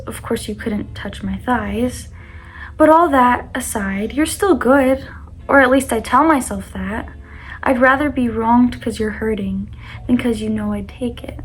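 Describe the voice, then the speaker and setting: A young woman with a fairly high voice shares personal poetry in a confessional vlog style. Her delivery is earnest and exposed, a little self-conscious, moving between reading and casual asides. Music plays behind her. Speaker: vlogger reading their own poetry.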